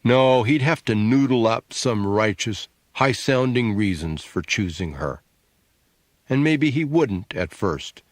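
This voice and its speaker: A man reading an audiobook in a measured, expressive storytelling manner, close to the mic. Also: lowish voice, dry recording. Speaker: audiobook narrator. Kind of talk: scripted narration.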